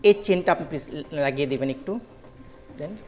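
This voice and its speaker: Low-voiced woman magician, kids party patter. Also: lively intonation, a little fast, darkish tone. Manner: kids party magician, chanting magic words and coaxing the participant. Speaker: stage magician performing tricks for a participant. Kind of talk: interactive magic show patter.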